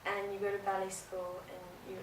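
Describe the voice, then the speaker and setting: A woman, a dancer answering interview questions in an earnest, reflective way, pausing on fillers. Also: medium pitch, monotone, a crowd in the background. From South Africa. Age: early 20s. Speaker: guest dancer. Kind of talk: conversational interview. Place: indoor art venue. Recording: roomy, distant mic, noisy background.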